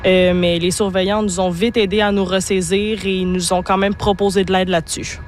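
A woman's voice: mid-range voice, little pitch movement, a little fast, a little hiss or hum. A teenage girl with a Québécois accent, speaking hesitantly through a voice changer that alters her voice to hide her identity. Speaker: student witness.

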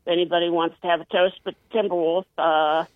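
A caller on a radio show, heard over the phone, who talks in a halting way and often repeats and restarts words. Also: medium pitch, flat delivery, no echo. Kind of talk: call-in radio chat. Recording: tinny phone line, dry.

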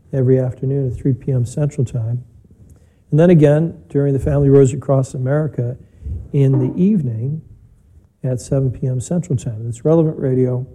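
Priest speaking into a pulpit microphone. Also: male voice, mid-range voice, low-quality recording. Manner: measured, plain-spoken, with gentle humor. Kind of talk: homily and spoken Mass prayers. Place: church during a broadcast Mass.

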